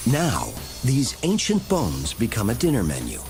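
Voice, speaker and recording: A man's voice: medium pitch, huge pitch swings, moderate pace. Man, nature documentary narration, dramatic scripted storytelling, widely varied intonation, prominent music underneath.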